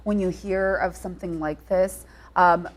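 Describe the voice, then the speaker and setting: A woman's voice: fairly low pitch, fairly even intonation, measured pace. A middle-aged woman, an evening news co-anchor, chatting in a TV studio about a story she covered, with frequent fillers and restarts. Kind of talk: conversational studio interview.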